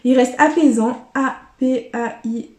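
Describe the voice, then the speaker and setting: A woman's voice: sits high, fairly even intonation, a little slow, a little mellow. A woman YouTuber chatting casually to her viewers as she scratches lottery tickets, calling them friends. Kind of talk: casual running commentary. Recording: echoey room.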